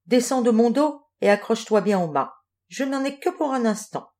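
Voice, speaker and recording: A woman's voice: a little high, expressive, normal speed, darkish tone, close to an everyday voice. A woman voicing a grumbling, kindly male pelican in a children's audiobook. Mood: reassuring. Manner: grumbling, reassuring. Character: grumbling male pelican, a patient helpful friend.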